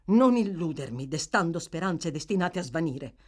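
A woman reading an audiobook, voicing an impulsive young gentleman anxious for news, his voice trembling. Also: lowish voice, animated, moderate pace. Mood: urgent. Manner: urgent, trembling with hope.

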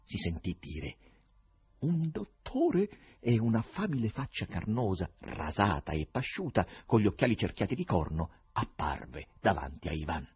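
A man reads a novel aloud in expressive audiobook narration. His voice sits low and comes out very husky, and his pitch moves a lot as he tells the story. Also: normal speed, few pauses, no echo. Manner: expressive, lively reading. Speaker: reader.

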